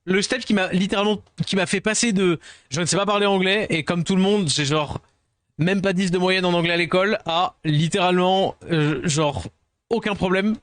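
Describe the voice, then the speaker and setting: A man's voice: sits high, steady tone, moderate pace, a bit bright, no room sound. A man from France, chatting casually with his viewers as a streamer, rambling and self-deprecating, tired, dropping English words into his talk.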